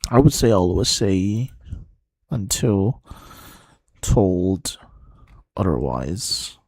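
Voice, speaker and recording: A man streaming a live watchalong, halting and thinking aloud as he reacts to the play. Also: low voice, very animated, darkish tone, slightly rough, dry recording, studio quality. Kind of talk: casual live match commentary.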